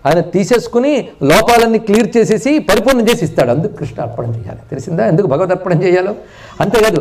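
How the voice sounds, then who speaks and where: A man with a Telugu accent delivers a devotional discourse in a high, light voice. He explains each verse patiently, slows down to chant the Sanskrit lines, and keeps asking his listeners questions. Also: a little mellow. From South India. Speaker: spiritual discourse speaker.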